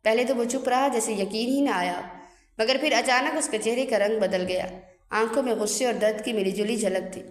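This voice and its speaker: A woman narrating a dramatic story in an earnest, emotional way. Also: fairly high pitch. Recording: echoey room with long reverb.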